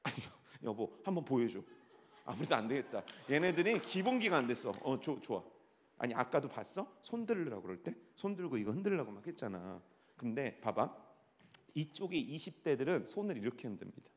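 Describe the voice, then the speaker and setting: Middle-aged guy preaching at youth worship, voice jumps all over, teasing, hushed then yelling. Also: medium pitch, brisk, slight background noise. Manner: animated, teasing the audience, swings from hushed to shouting. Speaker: pastor. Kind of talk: lively youth-worship sermon. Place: large church hall. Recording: long hall reverb.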